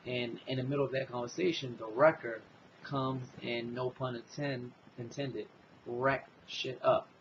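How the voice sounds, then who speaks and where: A man's voice: mid-range voice, steady tone, a little slow, slight background noise. Rambling man reviewing comics, muffled audio. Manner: rambling retelling with many fillers and "basically". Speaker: host and comic book reviewer. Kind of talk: casual comic book review.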